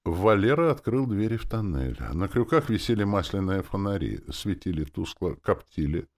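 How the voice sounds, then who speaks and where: A man's voice: low-pitched, animated, moderate pace. A man narrating a fantasy audiobook in the first person, reading expressively.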